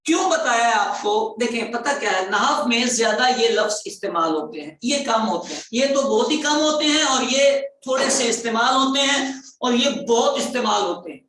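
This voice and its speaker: A man teaching a grammar class in a fairly high voice. He repeats terms over and over, asks his students questions and draws words out slowly to stress them. The recording is very echoey, and the voice sounds far from the mic. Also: expressive, bright, forceful tone. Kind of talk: online grammar class lecture.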